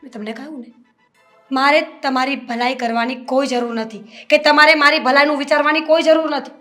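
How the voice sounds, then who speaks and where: A woman's voice: high voice, fairly even intonation, brisk, fairly bright tone, soft background music. A woman playing an indignant young wife. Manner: firm, indignant. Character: young married woman firmly rejecting her brother-in-law. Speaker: actor in a web drama.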